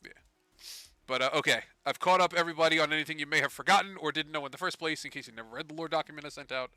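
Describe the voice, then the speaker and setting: A man's voice: on the high side, very fast, sharp tone, smooth, no room sound. A man narrating as game master of a tabletop game on a live stream, talking loosely with restarts and frequent laughs. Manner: loose, chatty, laughs often, restarts phrases.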